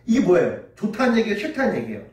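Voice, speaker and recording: Male children's pastor with a high voice, telling an animated Bible story, recorded from a distance in a reverberant church. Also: very fast. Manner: animated, acts out quoted voices, asks children questions. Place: church sanctuary.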